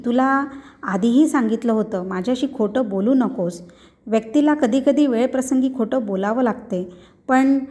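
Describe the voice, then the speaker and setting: Woman voicing a bitter young man, accusing, storybook reading, slightly high voice. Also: a little mellow, lightly acted. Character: young man, hurt and angry lover.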